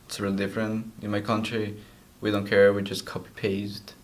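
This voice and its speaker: A man's voice: fairly low pitch, monotone, normal speed. A young man from Bolivia, a business student answering interview questions casually, with "like" and "you know". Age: young adult.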